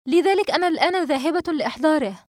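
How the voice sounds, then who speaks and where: A woman's voice: sits high, lively intonation, rapid-fire, no room sound, studio quality, voice pushed up. A woman reading a novel aloud, voicing an anxious young woman in urgent, pleading tones.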